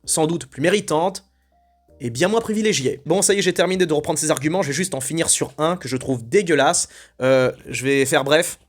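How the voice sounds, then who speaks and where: A man's voice: fairly high pitch, brisk, soft background music. A man delivering an opinionated commentary monologue in a blunt, indignant way, rambling and hesitating often. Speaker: video commentator.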